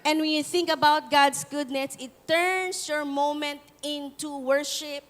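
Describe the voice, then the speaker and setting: A woman pastor with a Filipino accent preaching a sermon, switching between Tagalog and English, with lively storytelling and call-and-response with the congregation. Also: high-pitched, slow. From Philippines. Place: church hall. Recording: hall reverb in a church.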